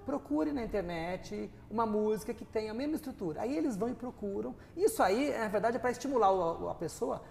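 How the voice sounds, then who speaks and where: A man, an English teacher and author, answering interview questions in a lively, storytelling way. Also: high voice, fairly quick, creaky, hardly any pauses, in a large hall, slight background noise. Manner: lively storyteller who sings snippets and laughs. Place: TV studio.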